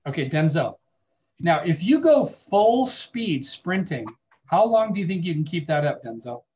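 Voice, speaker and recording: A man's voice: a little high, very animated, unhurried, darkish tone. A man teaching a biology lecture in a classroom, chatting with the class and asking students questions. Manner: conversational, asks the class questions.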